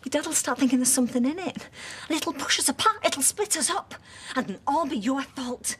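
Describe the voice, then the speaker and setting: A woman's voice: sits high, fairly quick, a little hiss or hum, lightly acted. An actress playing a defensive mother, lecturing her daughter in a stern, insistent way.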